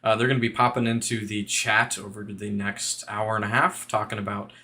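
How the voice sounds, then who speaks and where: A man's voice: lowish voice, flat delivery, a little fast, sharp tone. A man hosting a game launch livestream, talking casually over voice chat with many fillers. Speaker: game studio host.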